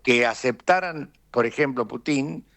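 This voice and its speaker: An Argentine businessman being interviewed, explaining his views deliberately and filling pauses with frequent hesitations. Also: medium pitch, a bit bright, no room sound. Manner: deliberate, thinking aloud with frequent "este" fillers. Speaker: businessman guest. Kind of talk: conversational interview analysis.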